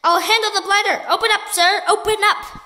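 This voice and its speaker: A woman's voice: extremely high pitch, fast, sharp tone, in a large hall, pitched above the performer's own voice. A woman voicing a hot-tempered, pompous old male duke who bellows his lines. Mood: bellowing.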